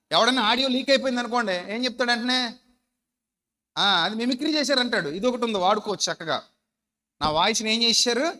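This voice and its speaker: High, bright-voiced preacher man. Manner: emphatic preaching with rhetorical questions to the audience. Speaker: pastor. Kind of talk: sermon. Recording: long hall reverb.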